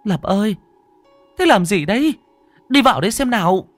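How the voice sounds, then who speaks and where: Man doing a shrill old grandma, frantic and scolding, high strained voice, lively swings, dry close sound. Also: normal speed, vocal fry, no echo, soft background music, heavily acted.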